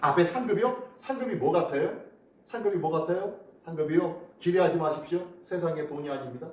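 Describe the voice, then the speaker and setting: A man's voice: on the high side, brisk, a little mellow, echoey room, recorded from a distance. A man pastor preaching a dawn devotional, asking rhetorical questions with an emphatic preaching cadence, then leading a prayer.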